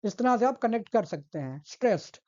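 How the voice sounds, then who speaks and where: A woman's voice: fairly high pitch, expressive, fairly quick, darkish tone, muffled recording. A woman giving an exam-prep literature lesson, patiently repeating key terms and asking questions as she explains. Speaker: English literature teacher.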